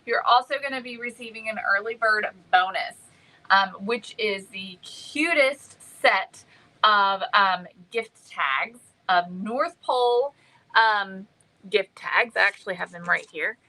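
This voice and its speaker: A woman hosting a casual craft livestream, greeting viewers by name and filling pauses with many ums. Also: medium pitch, pushed and bright, rough recording.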